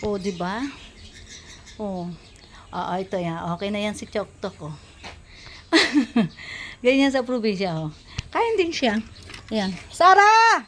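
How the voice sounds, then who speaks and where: A woman's voice: on the high side, slight background noise. Breathless woman coaxing her dogs. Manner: calls out to dogs by name, chatty, coaxing. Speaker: vlogger. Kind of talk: casual vlog, talking while feeding dogs. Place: outdoors in the yard of a rural home.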